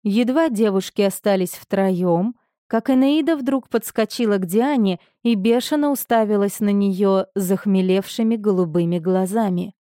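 A woman reading a novel aloud in a measured, expressive narration. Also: mid-range voice, dry recording, studio quality. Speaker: audiobook narrator. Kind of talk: scripted audiobook narration.

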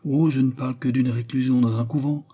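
A man reading aloud as a sly, calm abbé who speaks in a measured, cool way. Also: mid-range voice, muffled recording, natural voice. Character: sly, calm male abbé, coolly probing.

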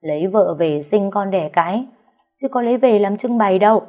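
A woman doing a sharp-tongued old mother-in-law. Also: medium pitch, expressive, normal speed, natural voice. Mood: scornful. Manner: sharp, contemptuous scolding. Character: harsh scolding older mother-in-law.

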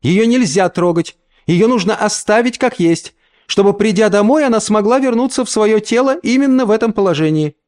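A man doing a sharp scornful mother. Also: sits high, animated, moderate pace, pitched above the performer's own voice. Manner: sharp, mocking, biting. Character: tall, cold, scornful mother.

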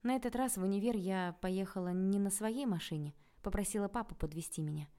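Woman narrating a lively audiobook. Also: medium pitch, brisk. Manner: lively, ironic storytelling. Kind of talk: first-person audiobook narration.

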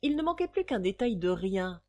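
Expressive woman reading a story. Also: mid-range voice, moderate pace. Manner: expressive storytelling, relishes old street slang. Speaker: narrator. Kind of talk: reading a short story aloud.

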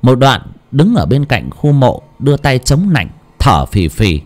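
A man narrating a ghost story audiobook in a dramatic, expressive way. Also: medium pitch, a little slow.

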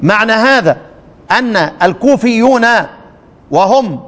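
High-voiced Egyptian sheikh teaching recitation. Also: male voice, expressive, fairly bright tone, long reverb tail. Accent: Egyptian Arabic. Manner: asks students questions and chants verses slowly. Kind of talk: explaining a recitation poem to students.

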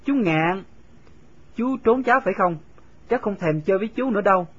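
A man's voice: sits high, expressive, fairly quick, husky, lo-fi sound. A man reading the part of a stubborn little schoolgirl who keeps pressing with questions. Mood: sulky. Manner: insistent, sulky questioning. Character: stubborn pleading little girl, fifth grader.

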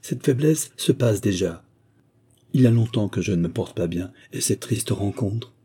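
A man reading the lines of a frail, pious elderly father in an audiobook, speaking gravely and gently. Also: fairly low pitch, expressive, normal speed. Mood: weak, consoling.

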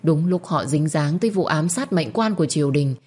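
A woman storyteller with a low, husky voice narrates a dramatic tale. Her delivery is steady and measured, carrying the story along.

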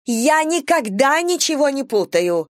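Woman doing a shrill squealing older neighbor. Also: very animated, measured pace, no echo, clean studio sound. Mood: indignant. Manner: screeching, accusatory.

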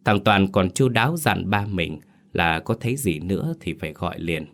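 A man telling a ghost story in steady, suspenseful scripted narration. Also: sits low, moderate pace, vocal fry. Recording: faint music underneath.

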